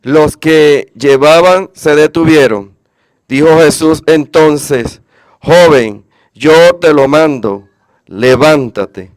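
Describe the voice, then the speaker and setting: Male scripture reader at Mass, unhurried and smooth, dry sound. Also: fairly high pitch, no echo. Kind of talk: reading the Gospel aloud at Mass.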